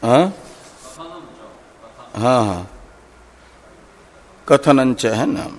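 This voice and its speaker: Male Vedanta teacher, slow and deliberate explanation, long hall reverb. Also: medium pitch, expressive. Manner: slow, deliberate, recites Sanskrit then explains. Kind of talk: scriptural commentary lecture.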